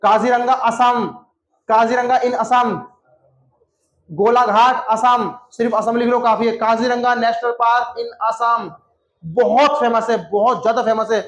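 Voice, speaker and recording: A man's voice: extremely high pitch, level tone, unhurried, a bit bright. A man teaching a classroom lesson, repeating answers over and over and quizzing students by name. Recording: echoey classroom.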